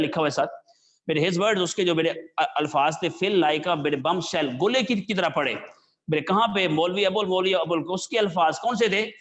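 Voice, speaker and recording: A fairly high-pitched man teaches an English textbook lesson. He reads each English phrase slowly and deliberately, then explains it at a quicker conversational pace. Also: fairly bright tone.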